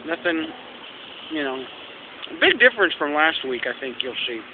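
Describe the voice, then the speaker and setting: A man's voice: a little high, very animated, moderate pace. A man of about forty chatting casually and unscripted to his own vlog camera. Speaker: running vlogger. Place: outdoors against a tree beside a road. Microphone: handheld camera at arm's length. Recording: tinny phone-like sound, noisy outdoor traffic.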